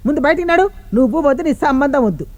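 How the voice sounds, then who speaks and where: A woman's voice: high-pitched, animated, racing, a little mellow, dry recording. An actress playing a stern, protective grandmother who scolds and commands. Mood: angry, scolding. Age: older. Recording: film soundtrack with music behind. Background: music.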